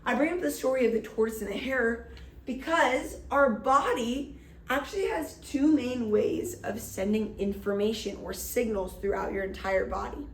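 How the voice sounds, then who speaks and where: An energetic woman teacher giving an upbeat, chatty classroom lecture. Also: a little high, normal speed, far from the mic, a little hiss or hum. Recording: echoey room.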